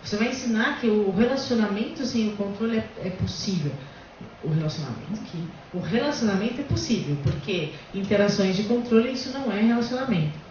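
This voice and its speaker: A woman's voice: mid-range voice, expressive, a little fast, darkish tone, slight background noise. A woman hosting a casual discussion, explaining bluntly and emphatically. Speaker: host. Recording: echoey, distant, dull lo-fi room.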